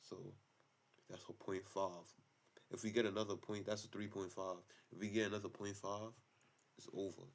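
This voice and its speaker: Deep-voiced blunt slangy man. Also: flat delivery, moderate pace, gravelly. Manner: blunt, slangy, profane banter. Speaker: streamer reacting to online stories. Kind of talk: casual reaction commentary.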